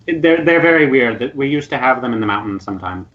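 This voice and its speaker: A man voicing a simple male villager who talks in halting, stumbling bursts. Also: mid-range voice, lively intonation, dull audio, natural voice. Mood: helpful. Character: simple gruff male NPC Ornstein.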